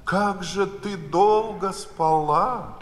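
A bass reciter voicing a tender older sister waking a girl in a live storybook reading. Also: very slow. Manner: tender, soothing. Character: gentle older sister, young woman. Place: palace concert hall. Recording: live concert hall reverb.

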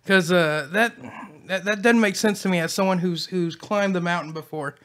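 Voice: mid-range voice, moderate pace, fairly bright tone. A co-host chatting casually on a hot-sauce episode, sweating from the heat, often repeating and restarting words. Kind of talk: casual chat while eating hot sauce.

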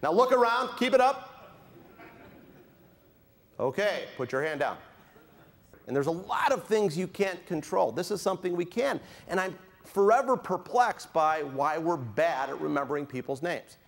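Joking man giving a lively keynote. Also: fairly high pitch, moderate pace, gravelly. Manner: joking, addresses the audience with show-of-hands questions. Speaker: keynote speaker. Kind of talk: live keynote speech to an audience. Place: conference hall with a live audience.

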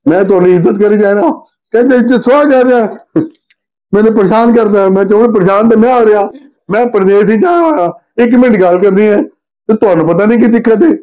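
A man's voice: high voice, warm tone. An older man tells a comic story, acting out both sides of a phone call in different voices. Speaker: joke teller. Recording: dull lo-fi recording.

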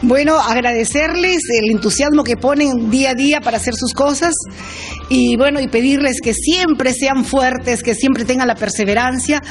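A woman's voice: sits high, moderate pace, faint music behind. An older woman, a restaurant owner, speaking earnestly and gratefully in a restaurant kitchen. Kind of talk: interview.

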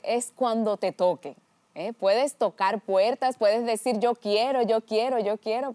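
A woman's voice: mid-range voice, darkish tone, no echo. A woman hosting a religious TV interview, affirming her guest and speaking to viewers. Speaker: host.

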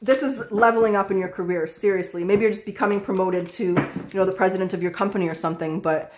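A woman giving a casual tarot reading, chatty and excitable, who swears freely. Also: mid-range voice, fast, roomy sound, slight background noise. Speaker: tarot reader.

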